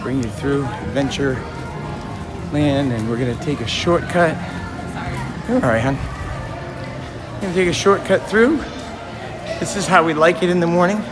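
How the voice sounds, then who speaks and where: Casting: male live-stream host, slightly high raspy hoarse voice, casual and chatty, outdoors with clear music behind. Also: normal speed, pauses often, a loud crowd. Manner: chatty, addressing viewers and passersby. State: hoarse from yelling at a concert. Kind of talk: casual walk-and-talk livestream. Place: outdoors in a busy theme park. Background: music, outdoor park and vehicle sounds.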